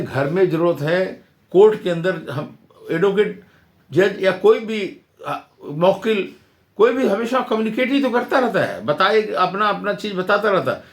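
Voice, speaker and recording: A man, an advocate teaching about communication in a halting, repetitive explanatory way. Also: high-pitched. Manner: halting, repeats words and restarts often. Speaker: advocate giving a legal lesson. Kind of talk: informal explanatory talk.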